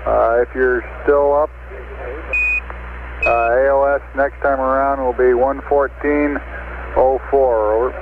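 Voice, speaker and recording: Give me a man calling over a crackly two-way radio, measured and procedural, with heavy static behind him. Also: mid-range voice, fairly even intonation. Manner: measured, with frequent "uh" pauses. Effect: heard over a crackly two-way radio link. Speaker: mission control communicator. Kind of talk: clipped radio procedure talk. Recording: noisy phone-like radio transmission.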